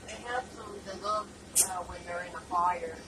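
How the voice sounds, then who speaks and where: A woman's voice: on the low side, moderate pace, distant mic. A woman, driving a fire truck, chatting and asking questions, heard on old camcorder audio. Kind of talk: casual chat. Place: inside a moving fire truck. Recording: noisy camcorder audio from across a truck cab.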